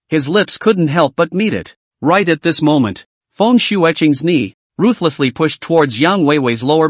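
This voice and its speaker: A man's voice: on the high side, no room sound. A man narrating a comic-book story recap in a dramatic scripted way, voicing the sound effects.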